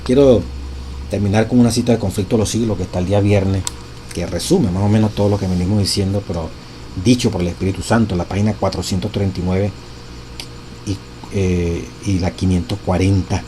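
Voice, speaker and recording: Man, Bible study teacher, low voice, earnest, faint background hiss. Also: steady tone, a little fast, poor audio. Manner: earnest, reads quotations aloud with emphasis; warm pastoral blessings to listeners. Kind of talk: Sabbath school lesson study.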